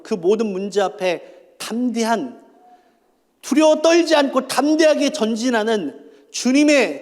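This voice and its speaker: A man preaching a Sunday sermon in a fairly high voice, firing rhetorical questions at the congregation and calling them to repeat after him. His voice rings out with a long church-hall reverb. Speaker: pastor.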